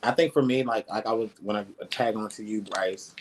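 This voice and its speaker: Lowish voice guy, agreeing then adding his take, bit of hiss behind. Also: fairly quick. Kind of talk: casual group discussion.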